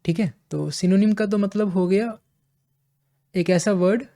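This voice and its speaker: A man with an Indian accent teaching English vocabulary in a classroom-style lesson, explaining slowly and repeating phrases as he checks in with listeners. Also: high-pitched, dark tone.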